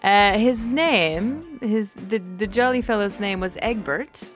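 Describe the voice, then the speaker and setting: A woman's voice: medium pitch, animated, slow pace, soft background music. A woman from New York chatting casually on a game stream, telling a long story with many restarts and laughs. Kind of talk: casual chat while gaming.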